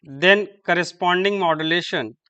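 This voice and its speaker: A man giving a classroom lecture, halting and repeating terms as he writes on the board. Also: high voice, bright, forceful tone, clean tone, muffled recording.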